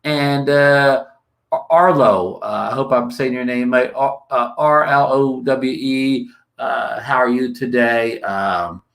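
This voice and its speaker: A man's voice: mid-range voice, slow, vocal fry, a bit bright. A man from New Jersey hosting a casual livestream, rambling with many fillers and restarts and greeting viewers, his throat dry. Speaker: livestream host.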